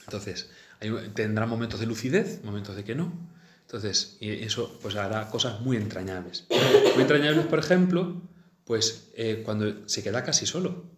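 A man's voice: fairly low pitch, moderate pace. A man telling a saint's life, reading passages and chatting about them with many fillers and restarts. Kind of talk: storytelling talk mixing reading and comment. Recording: roomy echo.

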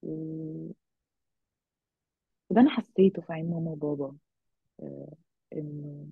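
Woman, Egyptian Arabic accent, raspy and creaky, reflective halting interview guest, thin phone-like audio. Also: low voice, fairly even intonation, dry recording. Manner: halting, reflective, with trailing phrases. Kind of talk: personal interview account. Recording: thin, phone-like narrow-band sound.

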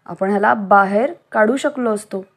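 A woman's voice: medium pitch, moderate pace, natural voice. A woman voicing a strong, clever young male elephant who patiently explains and reassures his friends. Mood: calm, reassuring.

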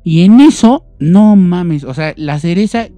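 A man's voice: high-pitched, unhurried, no echo. A young man with a Mexican accent casually telling a scary story among friends, acting out voices with lots of slang. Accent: Mexican Spanish. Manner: animated, acts out voices and screams, heavy slang. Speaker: storyteller guest.

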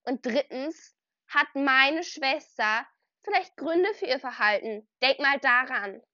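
A woman's voice: high voice, animated, slow, pushed and bright, no echo, lo-fi sound, exaggerated voice. A woman voicing a stern, proud young female warrior cat who talks in a commanding, challenging way. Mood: scolding.

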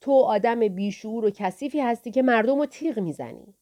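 A woman's voice: on the high side, lively intonation, warm tone, lightly acted. Woman doing a teenage boy, shaky, tearful, defiant, audiobook.

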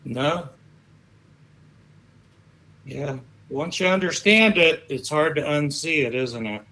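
Higher-voiced American man, dry jokes. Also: slow, bright, forceful tone. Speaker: podcast co-host. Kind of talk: unscripted political chat.

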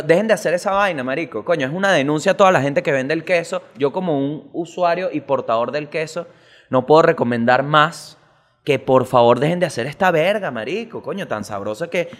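A man with a Venezuelan accent who hosts a comic news show and rants fast, swears a lot, and jumps sharply in pitch. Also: fairly bright tone, big-room sound. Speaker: host.

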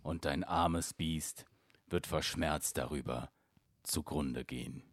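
Reading a fairy tale, a man puts on the exaggerated voice of a mournful, lovelorn beast, rumbling very low and slow. Heavy sorrow drags through every line, and the dry, close recording keeps him right at the listener's ear.

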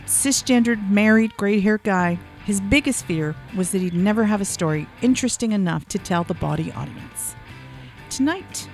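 A chatty woman hosts a live storytelling show and introduces the next teller with enthusiasm. Her voice sits at a middle pitch. Faint guitar music plays behind her. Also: a little mellow. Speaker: podcast host.

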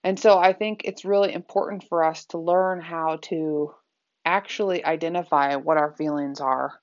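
Low-voiced woman in a reflective talk. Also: fairly even intonation, moderate pace, muffled recording. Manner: candid, conversational, many fillers.

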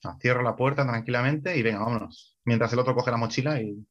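A male player from pushes his party onward in a tabletop role-playing game, insistent and impatient. His voice sits at an ordinary pitch, and the recording sounds slightly dull. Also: fairly even intonation, fast, fairly bright tone.

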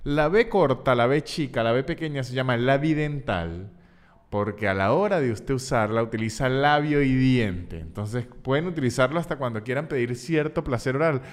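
A man's voice: medium pitch, normal speed. A man hosting his own podcast as a stand-up comedian, talking casually in a playful, joking, rambling way and correcting himself as he goes.

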